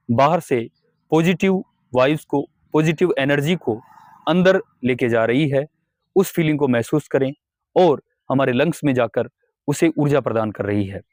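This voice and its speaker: A man leading a guided breathing meditation as yoga instructor, speaking slowly and calmly with step-by-step instructions. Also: mid-range voice, dry recording. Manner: slow, calm, instructive.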